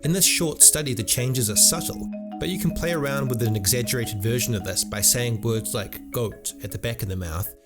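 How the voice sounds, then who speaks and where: A man with a New Zealand accent giving clear, lightly wry scripted narration for an explainer video. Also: medium pitch, brisk, over loud music.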